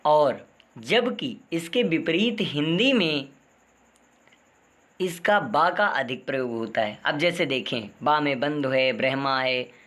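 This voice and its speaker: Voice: medium pitch, expressive, takes it slowly, fairly bright tone. A teacher explaining spelling and pronunciation, asking rhetorical questions and repeating the answers.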